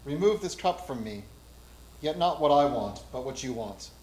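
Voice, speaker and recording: A man's voice: mid-range voice, sing-song, moderate pace, a little mellow. A man reading gospel verses formally as a church reader. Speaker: scripture reader at a Good Friday service. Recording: echoey room with clear background noise.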